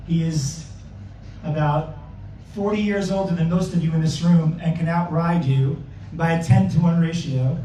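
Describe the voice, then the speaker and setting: A man's voice: on the high side, warm tone, slight background noise. A man hosts a gala dinner, introducing a speaker with plain-spoken jokes. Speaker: host. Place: banquet hall. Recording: echoey hall, mic far off.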